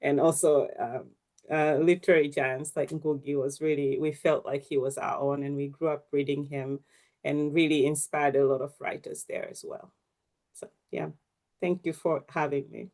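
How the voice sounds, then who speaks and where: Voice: mid-range voice, level tone, normal speed, darkish tone. A panelist from Tanzania speaking hesitantly on a video call, with many restarts. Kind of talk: casual panel remarks.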